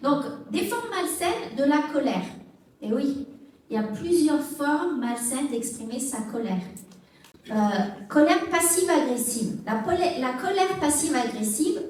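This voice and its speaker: A woman's voice: a little high, darkish tone. A woman pastor giving a teaching talk in church, chatty and full of fillers, acting out small dialogues. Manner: conversational, many fillers, acts out little dialogues. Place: church hall. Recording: echoey room, mic at a distance.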